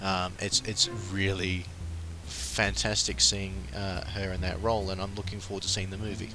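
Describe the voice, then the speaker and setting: An Australian man, recovering from flu, hosts a pop culture podcast in casual solo commentary, chatty and full of ums and uhs. His voice is low with little pitch movement and a normal pace. Music plays under the low-quality recording.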